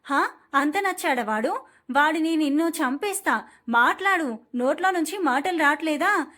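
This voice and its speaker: A woman's voice: sits high, lively intonation, moderate pace. A woman voicing a hot-headed jealous young man. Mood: angry. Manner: shouting, accusing.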